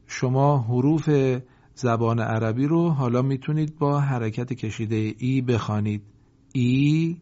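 A man teaching Quran reading in a recorded lesson, with a mid-pitched voice. He chants each example word slowly and melodically, then explains in brisk asides. The recording sounds dull and lo-fi. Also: dark tone. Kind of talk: recorded reading lesson with repeat-after-me drills.

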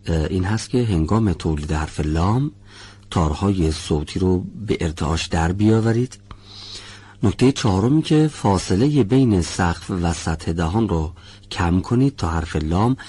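Low husky-voiced male recitation teacher. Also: darkish tone. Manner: patient, deliberate, demonstrates sounds slowly; recites Arabic words in slow, drawn-out chant. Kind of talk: classroom lesson on pronunciation.

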